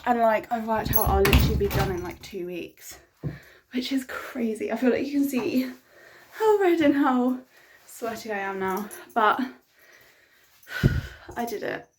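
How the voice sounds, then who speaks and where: A young woman chatting casually and excitably in a vlog, peppering her talk with informal filler. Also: fairly high pitch, unhurried, long pauses, slight background noise. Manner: excitable and informal, frequent "like" and "oh my God". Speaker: vlogger.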